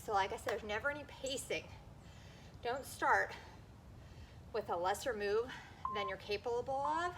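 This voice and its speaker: A woman's voice: fairly high pitch, moderate pace, pauses often. A woman coaching a workout as an aerobics instructor, encouraging and counting down while she exercises along. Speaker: fitness instructor. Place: outdoors in a backyard garden. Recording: noisy outdoor recording with ambient sound.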